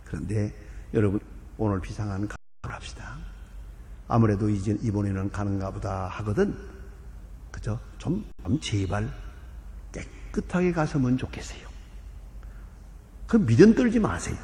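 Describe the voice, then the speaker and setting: An older man, a pastor, preaching and telling stories with sudden loud emphasis. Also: on the low side, lively intonation, a little slow, pauses often, a little hiss or hum. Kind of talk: sermon. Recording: long reverb of a church hall.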